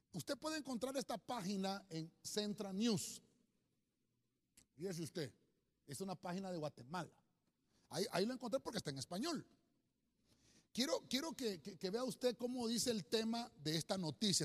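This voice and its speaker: Animated preacher man in a reverberant hall. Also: high voice. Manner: animated, addresses listeners as brother, rambling with restarts. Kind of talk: sermon with slides.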